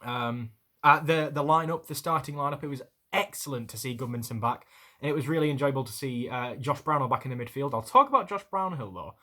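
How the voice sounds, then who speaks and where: A man's voice: mid-range voice, lively intonation, fairly quick, bright, forceful tone. A man giving a casual post-match analysis as a football fan vlogger, rambling with many fillers and restarts. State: out of breath.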